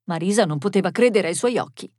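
A woman's voice: medium pitch, animated, fast, a little mellow, dry recording, clean studio sound. Woman reading a story aloud. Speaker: narrator.

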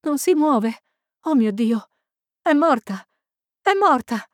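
A woman reading the part of a young female librarian who stammers in shock, her voice rising high. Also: lively intonation, slow pace, no echo, clean studio sound. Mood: panicked.

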